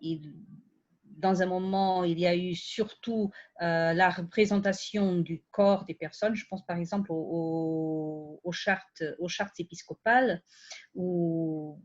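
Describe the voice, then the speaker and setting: A woman with a foreign accent in French, speaking as a non-native academic on a panel. Her delivery is slow and halting, with restarts while she looks for the right word. The recording is slightly dull and lo-fi. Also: on the low side, fairly even intonation, darkish tone. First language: not French. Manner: halting, searching for words, with frequent restarts. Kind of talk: unscripted round-table academic discussion.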